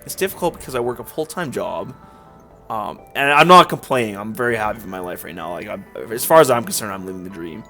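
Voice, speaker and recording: This male YouTuber's voice is lowish and sharp, with lively intonation and a quick pace. Doing a let's play, he offers loose, meandering commentary stuffed with filler and frequent "like"s, faint game music audible underneath.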